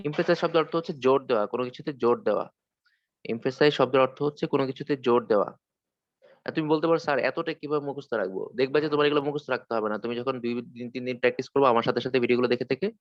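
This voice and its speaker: Fast-talking male teacher, dull call audio. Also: mid-range voice, dry recording. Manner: quick, explanatory, asks and answers own questions. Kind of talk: online class lecture. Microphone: computer mic on a video call.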